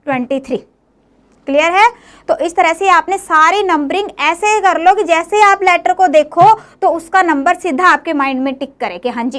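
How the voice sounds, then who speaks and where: A woman's voice: very high voice, a bit bright. A woman teacher giving a classroom lecture, often coaxing her students with questions as she goes. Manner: coaxing, often asks "clear, beta?".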